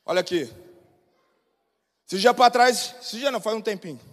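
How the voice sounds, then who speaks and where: A man São preaching a sermon as pastor, swinging between shouted exhortation and quiet storytelling. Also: sits high, normal speed. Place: large church hall. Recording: long church-hall reverb.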